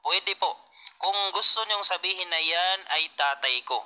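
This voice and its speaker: Male teacher, very bright tone, patient and repetitive delivery. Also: high voice, unhurried, poor audio. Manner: patient, repeats key points, answers students. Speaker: Arabic teacher. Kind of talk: online class lecture.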